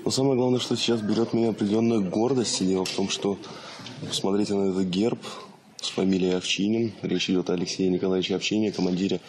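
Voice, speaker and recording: A man in his twenties reporting informally on location, guiding viewers along as a TV news correspondent. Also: sits low. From Yaroslavl, Russia. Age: 20s. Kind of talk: on-location video report to camera. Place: inside a control centre hall and corridors. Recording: noisy room ambience.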